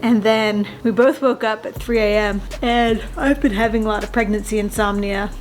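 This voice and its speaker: A woman's voice: medium pitch, steady tone, normal speed. Young woman vlogging, kinda out of breath, chatty, keeps correcting herself, bit of hiss behind. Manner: chatty, self-correcting, laughs between sentences. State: slightly out of breath. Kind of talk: casual personal vlog.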